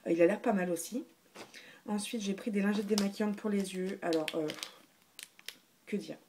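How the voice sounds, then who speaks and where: A woman's voice: mid-range voice, moderate pace, warm tone, slight background noise. A woman chatting casually through a beauty haul video, hesitant, with many fillers and restarts. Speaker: beauty vlogger.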